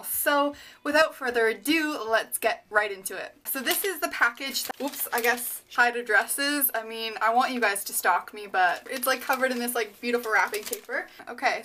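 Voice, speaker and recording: Young woman, gushing vlogger, bright forceful voice, slightly high, faint background noise. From Canada. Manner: gushing, breathless, lots of likes and oh my gods. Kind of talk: excited unboxing vlog.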